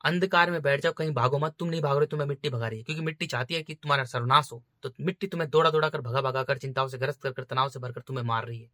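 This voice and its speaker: Bright-voiced man preaching insistently. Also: mid-range voice, steady tone, rapid-fire, few pauses, no echo, studio quality. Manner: insistent, repetitive exhortation; addresses listeners as brothers. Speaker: spiritual speaker. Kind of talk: informal spiritual preaching.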